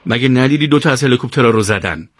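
A man's voice: medium pitch, lively intonation, dry recording, lightly acted. A man doing a grim, blunt fellow fighter.

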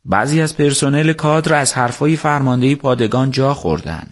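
A man narrating a book on the radio in a calm, measured storytelling manner. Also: medium pitch. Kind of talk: scripted narration.

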